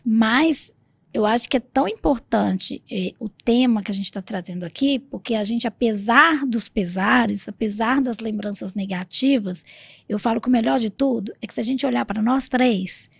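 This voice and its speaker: A soft-spoken woman with a Brazilian Portuguese accent, hosting a podcast in a gentle, quiet manner. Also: fairly high pitch, normal speed, gravelly, slightly rough, no room sound. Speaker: podcast host. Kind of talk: casual conversation.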